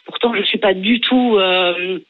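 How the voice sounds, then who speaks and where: A woman's voice: mid-range voice, measured pace, no room sound. A woman in her forties calling in to a radio talk show, heard over a phone line on a speaker, explaining her story in a chatty way with many fillers. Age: 40s. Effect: heard through a phone line on a speaker. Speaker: radio caller.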